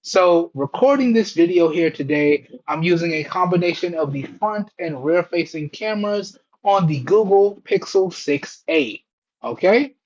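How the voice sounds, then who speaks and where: Guy talking through a bluetooth earbud mic, bit higher voice, muffled lo-fi sound, chatty and repetitive. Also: expressive, unhurried, a little mellow. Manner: chatty and repetitive, keeps addressing "guys and gals". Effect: voice heard through a Bluetooth earbud mic. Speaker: tech reviewer testing earbuds. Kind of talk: casual product test vlog. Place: room at home with a TV. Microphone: wireless earbuds over Bluetooth.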